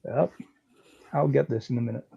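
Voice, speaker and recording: A man's voice: mid-range voice, steady tone, normal speed, gravelly, slightly rough. A man reading a comic story aloud in a breezy, chatty first-person manner. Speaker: story reader. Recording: slightly dull lo-fi recording.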